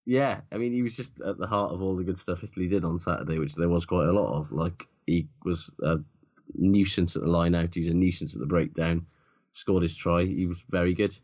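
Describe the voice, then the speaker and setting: A very deep-voiced man chats casually as a podcast co-host, blunt and sweary, rambling through his points. The recording is dull and lo-fi. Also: fairly even intonation, a little fast, a little mellow. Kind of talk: casual sports chat.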